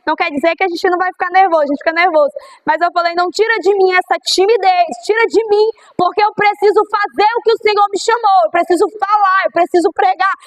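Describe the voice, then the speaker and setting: High-voiced fervent woman preacher. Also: steady tone, fast, few pauses, poor audio. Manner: fervent, repetitive exhortation. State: voice strained. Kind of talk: sermon.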